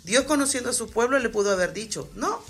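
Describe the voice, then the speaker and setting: A woman's voice: on the high side, animated, fast talker, a bit bright, husky. A woman pastor patiently explaining faith with everyday examples in a Bible study conversation.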